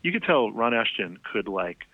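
A man's voice: lowish voice, sing-song, moderate pace, dry recording. A man, a music journalist, telling interview stories in casual, rambling chat full of fillers. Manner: rambling, many fillers, laughs often. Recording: tinny phone-like line, dry.

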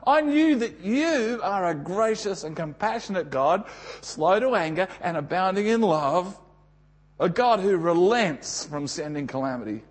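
Aussie guy doing a cranky indignant bible prophet moaning at god, high swoopy voice. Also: expressive, unhurried. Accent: Australian. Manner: indignant, complaining, emphatic. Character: furious, petulant male prophet ranting at God. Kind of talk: sermon dramatization of a Bible story.

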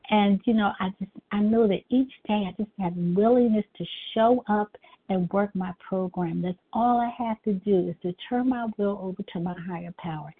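Over a tinny phone line, a middle-aged woman with a high, girlish voice shares her personal recovery story at a meeting. She speaks earnestly but haltingly, restarting often.

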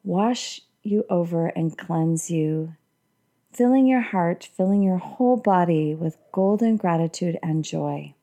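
A woman leading a guided breathing meditation in a calm, meditative, soothing tone. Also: on the low side, measured pace. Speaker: podcast host and guided meditation leader.

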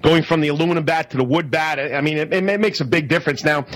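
A male sports talk host on live radio, speaking in a notably high register. He works in plugs for the show and often repeats himself to keep listeners up to speed. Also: fast talker, fairly bright tone, no room sound.

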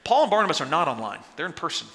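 A man's voice: on the high side, very animated, rapid-fire, fairly bright tone. A man preaching a sermon as pastor, impassioned, with dry asides to the congregation. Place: church sanctuary. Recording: long hall reverb.

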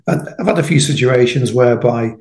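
Man in his sixties, guest on a podcast, casual and halting, mid-pitched voice. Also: a little mellow, rough recording. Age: 60s. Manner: halting, many repeated starts. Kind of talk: casual conversation.

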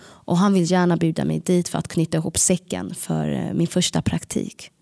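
A woman telling a personal story to an audience, lively and self-mocking, acting out the voices she quotes. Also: on the low side, gravelly, no echo, clean studio sound.

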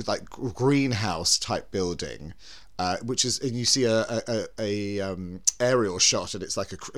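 A man hosting a podcast as a drag performer, with a camp, theatrical way of talking. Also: lowish voice. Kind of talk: theatrical show introduction and casual chat.

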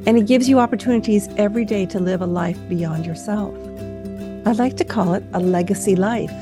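A woman's voice: medium pitch, a little fast, music in the background. A woman in her seventies hosting a faith podcast, speaking in an encouraging way and laughing along with her guest. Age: 70s. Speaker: podcast host.

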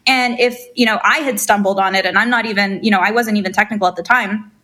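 A woman from Honduras, a co-founder guest telling her background in an energetic, casual interview. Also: mid-range voice, quick pace.

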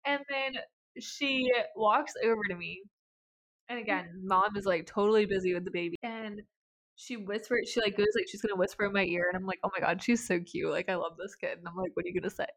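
A woman's voice: medium pitch, brisk, a bit bright, low-quality recording. A young woman in her twenties, co-hosting a podcast, telling a funny story in casual chat with lots of laughter and filler words. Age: 20s. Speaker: podcast co-host.

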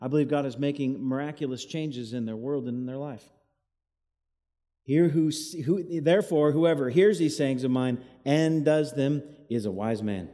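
A mellow, mid-range male voice at normal speed delivers an evening sermon; he's the associate pastor, leading the crowd in call-and-response so they repeat his words. The church hall echoes like a cave.

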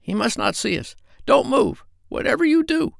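A man doing a high, sly female parrot. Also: very animated, moderate pace, creaky, dry recording, exaggerated voice. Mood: urgent whisper. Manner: hushed, urgent whispering. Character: bossy female parrot, clever and scheming. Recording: dry close recording.

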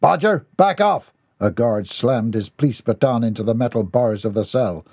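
A man narrating an audiobook in a measured, formal storytelling manner. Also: on the low side, fairly even intonation, warm tone, breathy edge, no room sound, clean studio sound.

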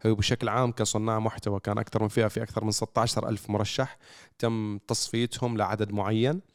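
Brief: male podcast co-host, Levantine accent, smooth clear voice, dry close sound, halting casual delivery. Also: lowish voice, level tone, dry recording. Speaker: car content creator and show co-host.

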